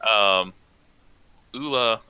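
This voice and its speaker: A man narrating a tabletop game as game master, halting and repeating his phrases. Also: fairly low pitch, bright, forceful tone, smooth, no room sound.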